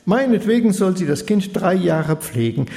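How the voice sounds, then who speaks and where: Male reader doing a commanding storybook princess, raised pitch, hall echo. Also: big pitch swings, moderate pace, vocal fry, mellow, heavily acted. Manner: gushing, commanding. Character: haughty young Egyptian princess. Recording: long hall reverb.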